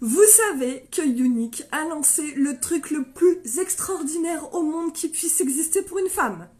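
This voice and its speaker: Bubbly high-voiced woman with a stuffy nose. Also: a little slow. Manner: bubbly, excitable, chatty. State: stuffy nose from a sinus infection. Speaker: live-stream seller. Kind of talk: chatty live stream greeting viewers.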